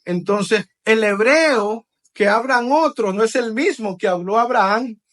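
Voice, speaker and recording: High-voiced preacher. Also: male voice, unhurried, a bit bright. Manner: leads call-and-response, tags phrases with "¿verdad?". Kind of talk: teaching sermon to a congregation.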